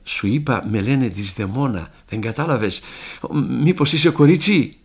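A man's voice: medium pitch, lively intonation, breathy edge. A man voicing a playful, teasing young woman prisoner in a spoken story.

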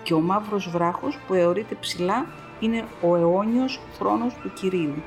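A woman's voice: mid-range voice, a little mellow, lightly acted. A woman voicing a stern man who proclaims grim visions in a solemn, thundering way, over faint music. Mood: solemn proclaiming.

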